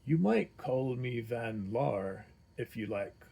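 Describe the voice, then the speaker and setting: A man voicing a gruff, terse half-elf ranger in a read-aloud fantasy story. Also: medium pitch, lively intonation, takes it slowly, warm tone, exaggerated voice. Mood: calm.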